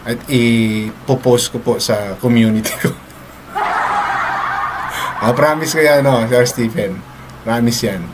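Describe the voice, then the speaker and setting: A man's voice: medium pitch, slow, long pauses, heavy background noise. A man hosting a live stream, talking casually to his viewers, mixing in English phrases, laughing often and ending many lines with a tag question. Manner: chatty, mixes English into Tagalog, laughs often, repeats "no?".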